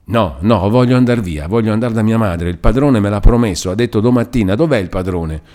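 A man's voice: low-pitched, big pitch swings, fast, a little mellow, breathy edge, full character voice. A man voicing a frightened young captive woman. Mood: desperate. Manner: urgent, anxious pleading.

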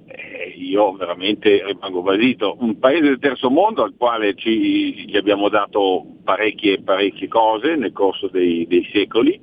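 A man calling a radio phone-in to give his opinion, indignant and halting, often repeating words. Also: fairly low pitch. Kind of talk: spontaneous opinion on politics. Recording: noisy narrow phone line.

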